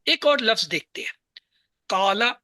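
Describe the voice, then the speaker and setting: A man teaching Arabic verb grammar to a class, asking questions and answering them himself, and spelling out letters and words slowly. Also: high-pitched, expressive, bright, forceful tone, no echo. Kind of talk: classroom lesson.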